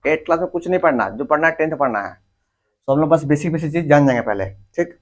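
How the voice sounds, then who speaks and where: Man, teacher, classroom lecture, repetitive, slightly high pitch, informal. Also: animated, fast. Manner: repetitive, asks questions and answers them himself; informal, addresses students directly.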